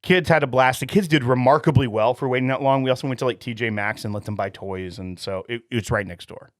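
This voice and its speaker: A man co-hosting a podcast talks fast in a medium-pitched voice, chatting casually through long family stories and laughing a lot. The sound is dry and clean, studio quality.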